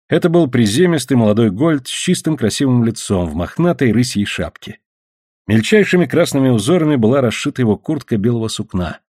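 A man's voice: medium pitch, darkish tone, slightly rough, no echo, clean studio sound. A man narrating an audiobook, reading expressively and voicing the characters.

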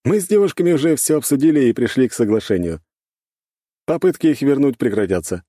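A stately stag spirit in human form , played by a male narrator, speaks in a raised, husky voice. He sounds relaxed and sure of his strength. The recording is dry and close. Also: medium pitch, a little fast, dry recording, pitched above the performer's own voice, natural voice. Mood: easygoing. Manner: easygoing, chuckling. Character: stately golden-haired sun stag man.

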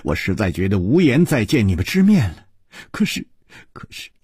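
A sorrowful young woman speaks low and hushed, faltering over her words, as a male storyteller voices her. The tone is husky and breathy. The sound is dry and close. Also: big pitch swings, measured pace, no room sound, exaggerated voice. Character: sorrowful masked young woman, ashamed and hesitant.

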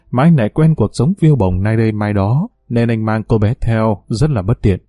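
Male audiobook narrator, even and measured, warm low-bright tone, dry close sound. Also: dry recording. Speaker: storyteller.

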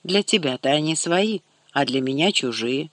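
Stubborn sarcastic young woman, a man putting her on, snappy and a bit higher. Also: animated, moderate pace, a bit bright, dry recording. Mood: wary. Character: sharp-tongued stubborn young woman, jumpy.

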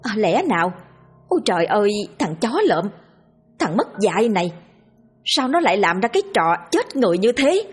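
A woman's voice: mid-range voice, a little fast, husky, faint music behind, lightly acted. A woman voicing a frightened middle-aged village wife in a spooky audio story, wailing and pleading. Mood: panicked.

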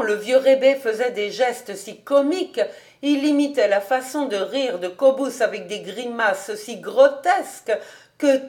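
Woman, audiobook narrator, calm, measured, classic novel. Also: a little high. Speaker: audiobook reader. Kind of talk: reading a classic novel aloud.

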